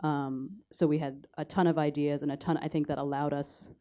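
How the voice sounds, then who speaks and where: A woman with an American accent speaks as a photo editor on a conference panel. Her voice sits low and mellow, and her delivery stays level and low-key. She walks through slides haltingly, stopping now and then to find her notes. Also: little pitch movement. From United States. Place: university conference hall.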